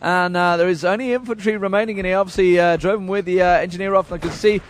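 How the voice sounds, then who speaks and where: A man giving rapid live play-by-play commentary on a video game match at a LAN event. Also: high voice, steady tone. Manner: rapid play-by-play, chuckles often. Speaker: esports commentator. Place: noisy LAN event hall.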